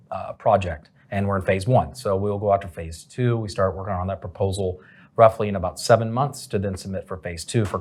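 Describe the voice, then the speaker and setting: A man, a company president, answering interview questions in a casual, rambling way with many fillers. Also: low-pitched.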